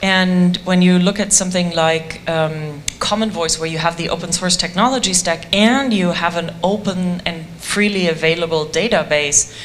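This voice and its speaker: A woman's voice: on the low side, normal speed, a little hiss or hum. A woman speaking enthusiastically on a conference panel about a community-driven voice project, with a self-deprecating humor.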